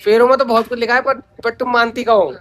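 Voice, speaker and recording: A man's voice: very high-pitched, steady tone, fast talker, a bit bright, slight background noise. A man vlogging in a casual, talkative way, stubbornly teasing his wife on a phone call as a prank. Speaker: vlogger, husband.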